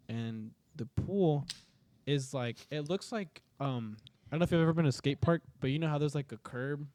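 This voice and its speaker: A man's voice: medium pitch, warm tone. Rambling young man telling a story. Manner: rambling, full of "like" and restarts. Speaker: podcast co-host telling a story. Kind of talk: casual storytelling among friends.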